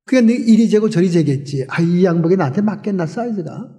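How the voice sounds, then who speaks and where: A pastor putting on a humble young man from a poor family who gently explains himself. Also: sits high, animated, fairly quick, in a large hall. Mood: gentle.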